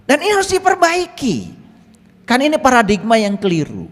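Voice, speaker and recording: A middle-aged man giving a religious lecture as a Sufi teacher, animated, teasing his listeners, and swinging between loud and hushed delivery. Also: extremely high pitch, moderate pace. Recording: long hall reverb.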